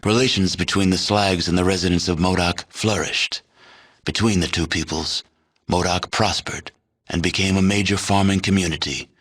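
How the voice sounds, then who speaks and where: A low-pitched male actor narrates a post-apocalyptic video game as a grave, world-weary storyteller, keeping his delivery measured, solemn, and deadpan.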